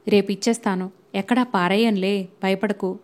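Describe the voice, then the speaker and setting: A woman's voice: mid-range voice, steady tone, moderate pace, darkish tone, lightly acted. A woman reading a carefree young woman in an audio novel. Her tone is casual and breezy, and she brushes concerns aside.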